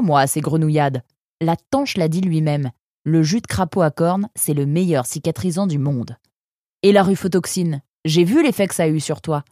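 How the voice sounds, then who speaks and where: A woman's voice: on the low side, no echo, close to an everyday voice. A woman plays a keen young male creature from a storybook, full of schemes and stumbling over filler sounds. He sounds dry and close to the mic. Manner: stammering with many "euh", excitable.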